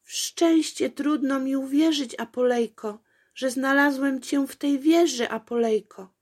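A woman's voice: sits high, a little slow, darkish tone, pitched above the performer's own voice. A woman voicing a young prince who calls out in a rhythmic sing-song. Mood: yearning.

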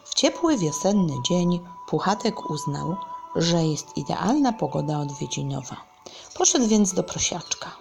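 Woman storyteller for kids, very slow, gravelly, deliberate read. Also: on the low side, very animated, music in the background. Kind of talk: reading a bedtime story to children.

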